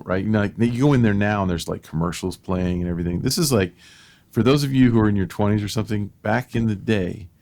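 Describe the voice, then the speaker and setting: A middle-aged man co-hosting a podcast, telling stories in a lively, casual way and laughing at his own tales. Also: lowish voice. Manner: animated storyteller, laughs at own tales, many restarts. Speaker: podcast co-host. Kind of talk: casual storytelling chat.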